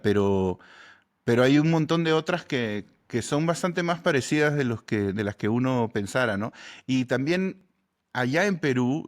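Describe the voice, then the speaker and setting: A man from Peru with a Peruvian Spanish accent, chatting as a comedian guest in a relaxed, storytelling way, often ending phrases with a questioning tag. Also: mid-range voice. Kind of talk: casual interview chat.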